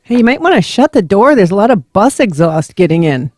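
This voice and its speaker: A woman's voice: medium pitch, big pitch swings, a little fast, darkish tone. A woman joking in dry wisecracks over an old movie. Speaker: comedy riffer.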